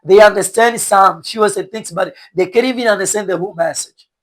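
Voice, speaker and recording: A man's voice: high-pitched, moderate pace, fairly bright tone. A man with a Rwandan accent speaks straight to his audience in the manner of an online teacher. His delivery is earnest and exhorting, circling back to press each point again. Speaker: English teacher and online content creator. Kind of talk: direct-address lecture to viewers.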